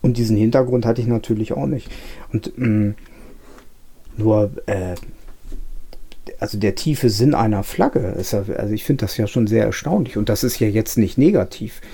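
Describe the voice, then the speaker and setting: A man co-hosting a casual podcast chat, his voice gravelly and dark. He rambles, circling back and restarting his sentences as he thinks aloud. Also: lowish voice, normal speed. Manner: rambling, many restarts and fillers. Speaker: podcast co-host.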